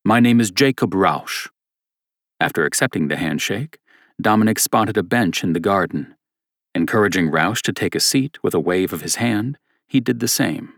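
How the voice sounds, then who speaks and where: Deep-voiced male audiobook narrator. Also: creaky, no room sound, studio quality. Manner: steady, measured reading.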